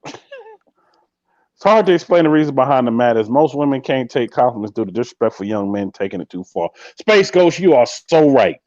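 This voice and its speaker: A man hosting a live podcast, chatting casually and telling stories in a slangy, animated way, acting out quoted lines. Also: medium pitch, normal speed, no room sound, lo-fi sound. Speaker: podcast host. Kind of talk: casual live-stream chat.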